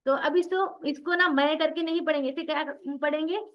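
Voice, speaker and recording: Female tajweed teacher, high voice, asks and answers her own questions, dull lo-fi class audio. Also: fairly even intonation. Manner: drills syllables slowly, one by one. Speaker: Quran recitation teacher.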